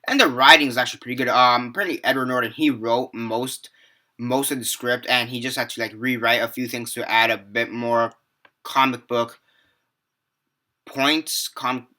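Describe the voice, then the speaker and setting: Casual and rambling, a seventeen-year-old lad reviews a movie in a medium-pitched voice with a sharp quality. He stumbles into restarts, uses many fillers, and throws in the occasional swear.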